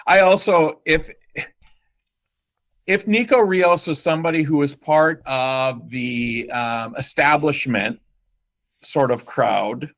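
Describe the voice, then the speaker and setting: A man co-hosting a casual political podcast, asking questions in a relaxed, conversational way with light humor. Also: on the high side, slow. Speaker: podcast co-host.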